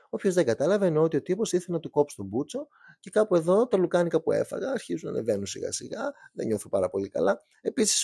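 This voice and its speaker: Young guy telling a crime story podcast style, slangy and jokey, mellow voice that bounces around a lot. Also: medium pitch, creaky, slightly rough, no echo, studio quality. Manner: chatty, joking asides, slangy. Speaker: true crime podcast host. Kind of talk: casual storytelling narration.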